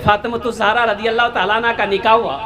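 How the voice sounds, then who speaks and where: A male preacher from Bengal tells a story to a gathering in a high, carrying voice. He questions the listeners directly and draws out key lines slowly. The crowd is plainly audible behind him. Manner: animated, questions the audience, slows for emphasis. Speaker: Islamic preacher. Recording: live gathering with crowd noise. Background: seated crowd of listeners.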